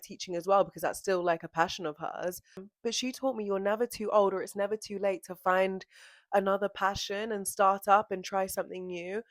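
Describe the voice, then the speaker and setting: A woman's voice: mid-range voice, no echo, clean studio sound. A young woman hosting her own podcast, talking in a casual, earnest monologue full of fillers and acted-out quotes. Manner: chatty, earnest, lots of fillers, acts out quotes. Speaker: podcast host.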